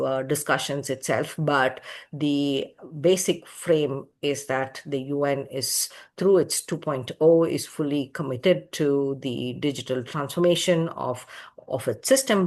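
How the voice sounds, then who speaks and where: Youth office rep on a video call, slow and explanatory, lots of uhs. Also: medium pitch. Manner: measured, explanatory, with many fillers. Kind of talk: explanatory answer in an online meeting.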